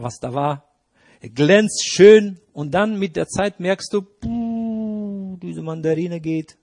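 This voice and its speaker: Husky-voiced man preaching with rising emphasis. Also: a little high, a little mellow. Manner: earnest, hesitant with restarts and fillers, rises when stressing points. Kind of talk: sermon.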